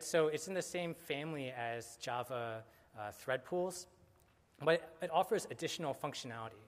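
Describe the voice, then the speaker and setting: Casual man lecturing in a reverberant hall. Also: medium pitch. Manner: casual, many fillers and self-corrections. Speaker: conference speaker. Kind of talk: technical conference talk. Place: conference hall.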